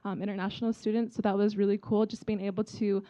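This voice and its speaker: At an event, this young embassy vice consul from China addresses students in a friendly, relaxed presentation, her accent American. Her mellow, mid-range voice barely moves in pitch and comes out fast.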